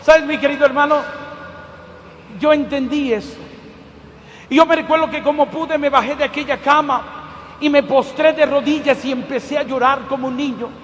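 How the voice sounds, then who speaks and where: Male preacher, very high voice, fervent testimony-sermon delivery, keeps calling the listeners "dear brother", long hall reverb. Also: fairly even intonation, normal speed, pauses often, fairly bright tone, slight background noise.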